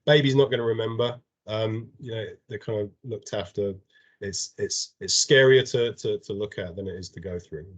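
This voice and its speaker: Low-voiced man on a video call. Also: moderate pace. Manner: plain-spoken and explanatory, often restarts and repeats words. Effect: heard over a video call. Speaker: drug and alcohol awareness trainer. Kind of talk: informal training talk. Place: home or office on an online meeting. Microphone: computer or headset mic on a video call.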